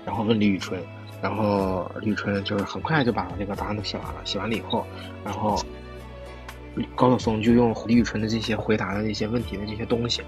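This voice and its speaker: A man's voice: fairly low pitch, little pitch movement, fast, music in the background. A man co-hosting a podcast, chatting casually and telling anecdotes. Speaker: podcast co-host.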